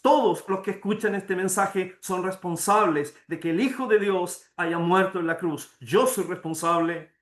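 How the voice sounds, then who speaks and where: Slow high-voiced man preaching in a roomy hall. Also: fairly bright tone. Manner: slow, emphatic preaching with repeated phrases. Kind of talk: sermon.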